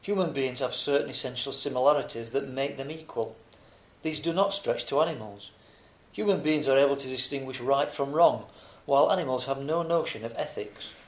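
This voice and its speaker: A man's voice: mid-range voice, a little fast, lightly acted. A man playing an earnest, formal debater in a scripted, argumentative exam discussion. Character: earnest male debater arguing against animal rights. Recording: roomy, echoing sound.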